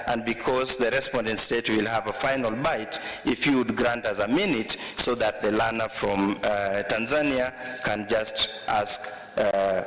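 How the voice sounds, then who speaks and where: Man as legal counsel, formal and deliberate, reverberant hall sound. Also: medium pitch, a bit bright. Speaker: legal representative for applicants. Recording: echoey hall with long reverb.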